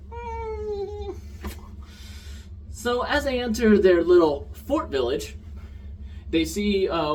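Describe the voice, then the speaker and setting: A young man giving a casual, sarcastic TV show review, now and then getting loud. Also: high-pitched, far from the mic, a little hiss or hum, poor audio. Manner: animated, sarcastic, gets loud.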